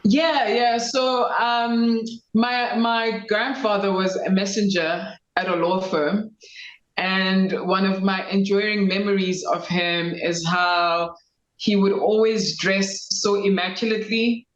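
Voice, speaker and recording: A South African woman in her thirties, a lawyer telling her life story in a measured, reflective way. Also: mid-range voice, fairly even intonation, echoey room, lo-fi sound. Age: 30s. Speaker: guest lawyer. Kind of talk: interview conversation.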